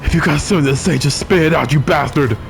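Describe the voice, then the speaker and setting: A man voicing an exhausted, furious middle-aged man who yells and curses bitterly. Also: a little high, fast, creaky, over music, pitched above the performer's own voice. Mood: enraged. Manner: yelling, cursing and bitter.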